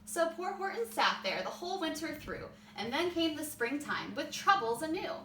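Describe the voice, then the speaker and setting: A woman reading a children's story aloud in an expressive style. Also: sits high, normal speed. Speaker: storybook reader. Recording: echoey room, distant mic, background noise.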